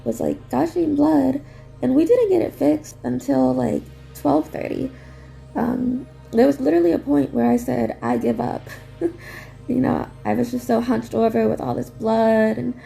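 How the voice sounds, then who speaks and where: A woman speaks in a casual diary style, her voice high and full of creak. She talks carefully, as if every word hurts her sore mouth. Faint music plays behind her. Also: measured pace, mellow, rough recording. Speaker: patient vlogger.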